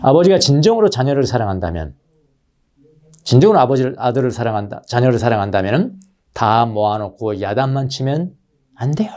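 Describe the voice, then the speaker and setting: Male pastor, Sunday sermon; mellow, warm voice that swings widely in pitch; talks straight to the pews. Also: a little fast. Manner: animated preaching, addresses the congregation directly. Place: church sanctuary.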